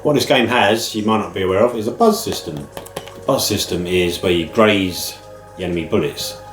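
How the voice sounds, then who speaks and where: A man's voice: sits low, moderate pace. A middle-aged British man with a slightly nasal, bunged-up voice from man flu, chatting casually and ramblingly as the host of a video channel. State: man flu, a head cold. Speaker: host of a video game pick-ups channel. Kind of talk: casual chat to camera. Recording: roomy echo, music underneath. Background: music.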